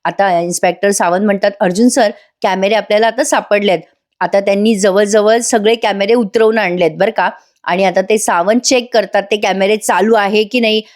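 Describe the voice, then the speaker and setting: A woman's voice: mid-range voice, fairly even intonation, normal speed. A woman narrating a chatty voice-over recap of a TV serial, talking straight to her viewers. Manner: chatty, addressing viewers directly. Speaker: serial reviewer.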